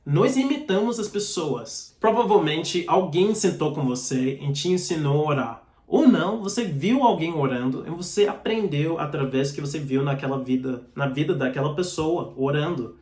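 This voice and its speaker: Speaking Portuguese with a foreign accent, a preacher delivers an earnest, direct sermon and reads out scripture. His slightly high, somewhat mellow voice is animated, moving at a moderate pace with few pauses, and the room echoes.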